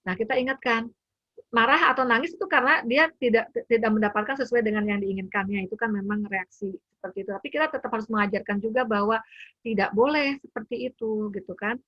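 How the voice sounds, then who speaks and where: Brief: woman parent-speaker, chatty webinar teaching from home, slightly high voice, dull dry call audio. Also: fast talker, dry recording. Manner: chatty, fillers and acted quotes of parent and child. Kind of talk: informal teaching talk. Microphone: computer mic on a video call.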